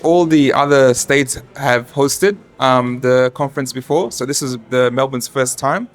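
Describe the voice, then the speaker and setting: A man who was team leader, answering interview questions in a measured way with fillers. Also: medium pitch.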